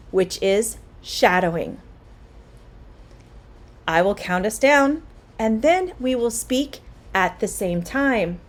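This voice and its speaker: A middle-aged woman teaching English, speaking slowly and clearly with a voice that rises and falls a great deal. Her tone is a little high and encouraging. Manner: slow, clear and encouraging, with a very lively melody. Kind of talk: spoken English lesson.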